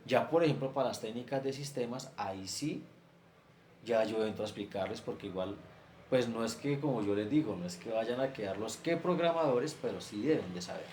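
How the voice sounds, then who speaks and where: In a screen-share class lecture, a male teacher with a medium-pitched, darkish voice speaks in an animated, fairly quick way, walking his students through examples step by step and padding them with many filler examples. The room is reverberant, and a faint ambient hiss runs beneath him.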